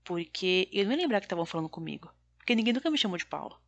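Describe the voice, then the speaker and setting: A woman performing a stand-up comedy monologue in a wry, deadpan, exasperated way. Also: on the low side, racing, highs cut off.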